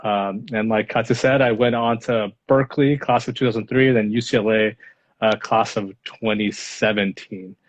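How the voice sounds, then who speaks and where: Speaking at a normal speed in a lowish, steady voice, a man in his thirties from Los Angeles, whose first language is Spanish, reflects on interview questions as a guest. He's a lawyer and leans on lots of fillers. The recording sounds dull and lo-fi.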